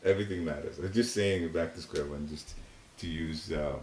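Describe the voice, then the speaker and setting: With an extremely low pitch and a darkish tone, an older man from Ghana speaks at a moderate pace in a Ghanaian accent. He is leading a devotional class in the living room of a private home, giving informal spiritual teaching in a chatty, rambling style with chuckling asides. Seated, he is captured by a distant room recorder; the home recording is roomy with faint hiss.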